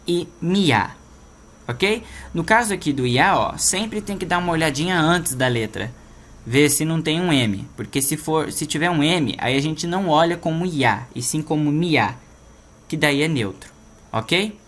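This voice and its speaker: A man's voice: a little high, fairly bright tone. Brazilian man teaching a language lesson. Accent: Brazilian Portuguese. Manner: explains patiently, often checks in with "tá?" and "ok?".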